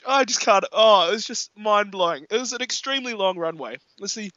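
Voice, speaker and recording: A man in casual film chat, animated, laughing often and acting out quotes. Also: high-pitched, fairly quick, no room sound, muffled recording.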